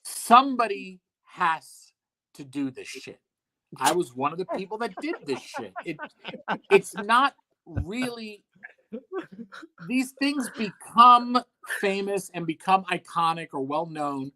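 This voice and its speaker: Man talking shop about clay, blunt and dry, swears casually, bright forceful voice. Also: high voice, animated, takes it slowly. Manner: blunt, dry, profane, offhand. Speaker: guest, monster sculptor. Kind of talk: casual interview talk.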